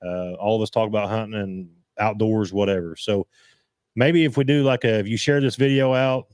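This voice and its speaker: A man hosting a casual live-stream chat, rambling and halting as he restarts his sentences. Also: lowish voice, steady tone, darkish tone, clear, resonant tone, no room sound, clean studio sound. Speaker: host.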